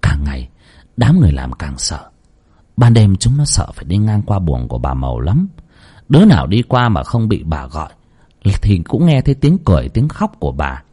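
Husky dark-voiced horror storyteller, man. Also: huge pitch swings, moderate pace. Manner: dramatic, sweeping pitch swings.

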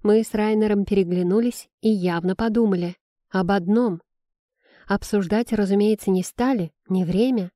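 A woman reads a first-person fantasy audiobook in an even, storytelling manner. Her voice is mellow and warm, recorded close and dry. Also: medium pitch, moderate pace, no room sound. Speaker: audiobook narrator.

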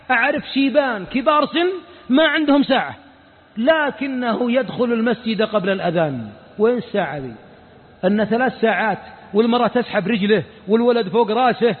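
A man with a Saudi accent giving a colloquial mosque lesson as a sheikh, firing rhetorical questions at his listeners and acting out the people he quotes. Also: extremely high pitch. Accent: Saudi Arabic. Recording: lo-fi phone-like audio with long reverb.

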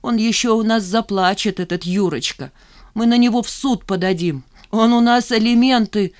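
A woman's voice: fairly high pitch, moderate pace, voice pushed up, close to an everyday voice. A woman reader voicing a tearful, fretting older mother who pleads and sobs. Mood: indignant. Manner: pleading, sobbing, fussy.

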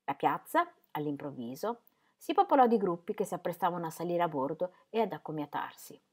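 A woman narrating a novel aloud with steady, measured delivery. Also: on the low side. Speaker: audiobook reader. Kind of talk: literary reading.

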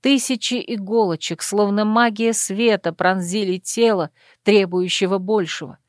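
A woman narrating a first-person romance audiobook in an intimate, measured reading. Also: medium pitch, fairly even intonation, no echo, clean studio sound.

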